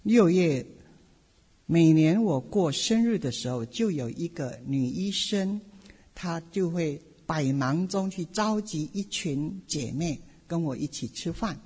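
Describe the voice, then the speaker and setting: A middle-aged woman pastor giving a personal testimony sermon, telling her story in an animated way with playful asides. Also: low-pitched, slow pace, breathy edge. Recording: long hall reverb.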